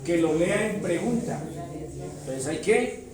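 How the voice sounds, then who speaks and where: A man's voice: sits high, expressive, slow. A man, a pastor teaching a Bible seminar to his congregation in a chatty, teasing way. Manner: chatty, teasing, addresses listeners as "mis amores". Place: church hall with audience. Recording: echoey hall, mic from far off, crowd.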